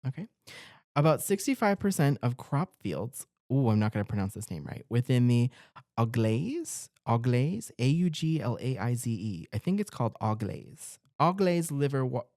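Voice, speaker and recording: A man's voice: mid-range voice, big pitch swings, normal speed, darkish tone, no echo, studio quality. A young man reporting farm news in a casual, jokey rundown, stumbling over place names now and then.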